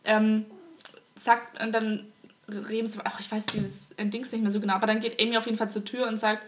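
A woman's voice: mid-range voice, flat delivery, brisk, far from the mic, slight background noise. A young woman co-hosting a podcast, chatting casually and gushing as she retells TV scenes with lots of fillers. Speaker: podcast co-host. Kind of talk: casual chat about a TV series.

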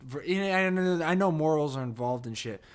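A man's voice: fairly high pitch, animated, fairly quick, clean tone. A man in his twenties with a New Jersey accent, chatting candidly at a table at home and swearing freely. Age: 20s. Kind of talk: casual chat. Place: table in a shared house.

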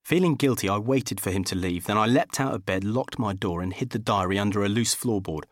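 A man's voice: fairly low pitch, a little fast, no room sound, clean studio sound. Man narrating a wry audiobook. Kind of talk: first-person audiobook narration.

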